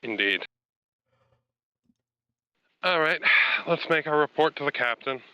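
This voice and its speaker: A man's voice: fairly high pitch, lively intonation, slow pace, bright, forceful tone, clear, resonant tone, dry recording. A man playing a tabletop game who speaks in an easygoing, sighing way. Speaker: player. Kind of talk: in-character tabletop play. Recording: dull lo-fi sound.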